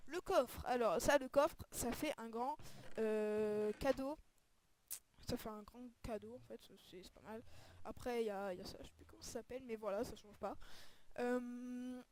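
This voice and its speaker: Woman video creator, casual and hesitant, voice a bit high. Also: normal speed, a little mellow, a little hiss or hum. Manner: hesitant, often searching for words. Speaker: video creator presenting a game texture pack. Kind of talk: casual screen-recorded commentary.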